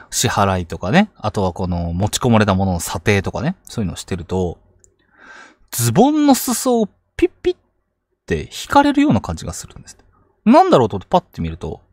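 A man narrating ghost stories on a live stream, dramatic, with hushed lows and sudden outbursts. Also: no echo, studio quality. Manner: dramatic telling, hushed low asides rising to sudden outbursts. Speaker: ghost story teller.

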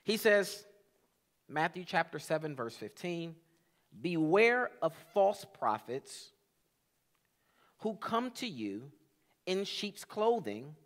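A young man, a church pastor, teaching a sermon in a church sanctuary on a headset mic. He reads scripture slowly and says amen often. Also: fairly high pitch, sing-song, a bit bright. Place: church sanctuary, drum kit behind.

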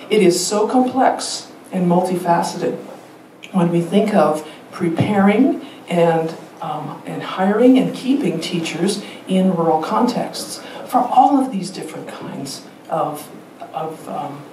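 Woman teacher educator, public talk, emphatic and lively, roomy distant stage sound. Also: lowish voice, unhurried, a little hiss or hum. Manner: lively and emphatic, with rhetorical questions and light laughter. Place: theater stage.

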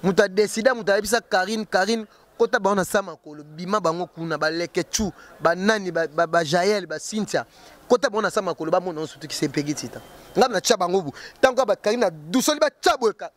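A man with a notably high speaking voice answers interview questions. He talks emphatically, circles back on his own words, and keeps pressing his point in an easy, conversational flow. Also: quick pace. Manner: emphatic, repeats words and restarts while arguing. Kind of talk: casual street interview.

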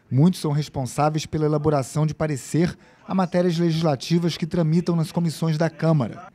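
A male news reporter with a Brazilian Portuguese accent narrates a scripted report in a measured, formal way. His voice sits a little high and sounds mellow.

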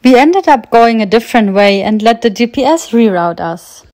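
A woman narrating a travel vlog in a calm, explanatory scripted voice-over. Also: a little high, normal speed, faint music behind.

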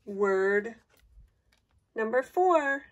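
Woman, slightly high voice, slow school dictation, deliberate, repeated words, simple teacher instructions. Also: animated, highs cut off. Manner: deliberate, repeats each word, simple instructions for young children. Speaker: teacher giving a spelling test.

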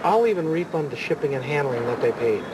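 A fast-talking man with a voice on the high side and lively intonation hosts an infomercial, pitching products in unscripted sales talk. He's insistent and keeps repeating himself, over clearly noisy background ambience.

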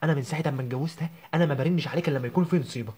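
A man's voice: fairly high pitch, warm tone, husky. A man with an Egyptian Arabic accent voicing a young newlywed woman who complains to her mother on the phone in a comic sketch, whiny and indignant. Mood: upset, whiny. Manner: whiny, indignant, rapid rambling. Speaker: comedian.

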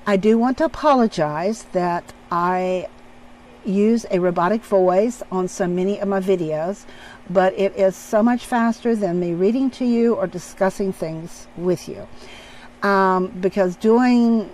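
A woman hosting her own channel, earnestly describing spiritual visions in unscripted talk, pausing often with ums. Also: medium pitch, darkish tone, a little hiss or hum, low-quality recording. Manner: earnest, hesitant, many ums. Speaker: spiritual video channel host.

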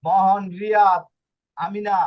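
A man's voice: sits high, level tone, unhurried, dull audio. A man teaching a language class online, explaining step by step and asking himself questions as he goes. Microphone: video call.

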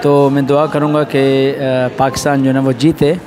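A man's voice: medium pitch, level tone, moderate pace, crowd noise. A man chatting casually with viewers as a travel vlogger, a toothpick in his mouth. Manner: chatty, addresses viewers as friends. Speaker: travel vlogger and radio host. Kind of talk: casual vlog talk to camera.

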